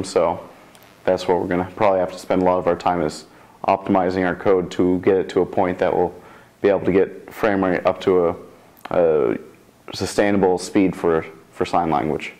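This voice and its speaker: A man's voice: low voice, flat delivery, moderate pace, darkish tone. A man in his twenties speaking informally as a student developer in an interview, often rephrasing himself mid-sentence. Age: 20s. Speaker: computer science student developer. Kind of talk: informal interview about a project.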